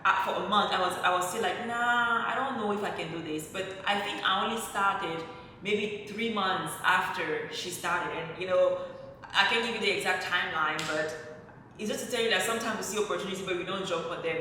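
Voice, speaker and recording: Speaking fairly quickly in a mid-range, sharp-toned voice, this Cameroonian creator recounts a personal story for her audience in French. She's conversational and voices her inner thoughts aloud. Heavy room echo, a far-off microphone, and a faint hiss of noise mark the audio.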